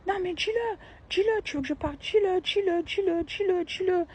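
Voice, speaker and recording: A woman's voice: high-pitched, sing-song, fast talker, mellow, slightly rough, pitched above the performer's own voice, heavily acted. A woman voicing her nagging, provoking sister-in-law, who repeats herself insistently. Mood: insistent, needling.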